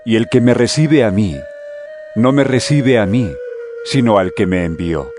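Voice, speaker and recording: An actor playing Jesus in an audio drama, a solemn, authoritative yet gentle male teacher speaking in measured phrases. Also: lowish voice, soft background music, natural voice. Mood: gentle, firm.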